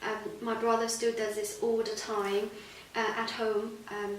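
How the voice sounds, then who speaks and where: A woman hosting a casual lesson chat, laughing often and filling pauses with ums. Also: fairly high pitch, monotone. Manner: giggly, many fillers. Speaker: host. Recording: roomy echo, distant mic, faint hiss.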